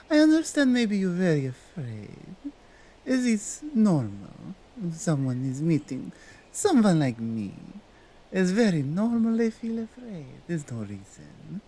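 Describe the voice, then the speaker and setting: A woman with a Nordic accent playing a dominant, stern yet coaxing Krampus in a slow, deliberate ASMR roleplay. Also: low-pitched, wildly swooping pitch, mellow, slightly rough, heavily acted. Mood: coaxing, reassuring. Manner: deliberate, commanding, halting non-native phrasing.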